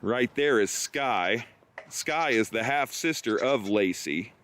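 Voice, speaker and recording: A man's voice: mid-range voice, animated, slow, a bit bright. A man talking casually and explaining things as a farmer co-hosting a vlog. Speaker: goat farmer and co-host. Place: outdoors in a goat pasture. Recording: outdoor noise with bleating goats. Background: goats bleating, faint outdoor ambience.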